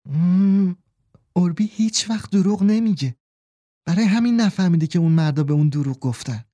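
A man voicing an earnest young boy in a storybook, speaking in a hushed, whispering way. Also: sits high, expressive, no echo, pitched above the performer's own voice. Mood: explaining.

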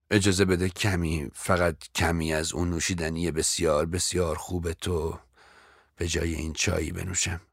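A man's voice: sits low, creaky, dry recording, clean studio sound. A man voicing a melodramatic, self-pitying older woman who is a famous actress, stretching out her sighing lines theatrically.

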